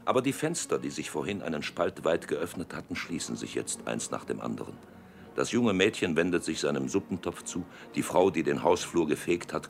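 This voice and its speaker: A man narrating a literary script in a deliberate, evocative manner with dramatic pauses. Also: rumbling low, creaky.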